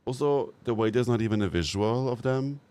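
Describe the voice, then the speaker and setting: With a smooth, warm mid-range voice going a little fast, a man gives casual live-stream commentary on game news. He swears casually and offers blunt, opinionated reactions.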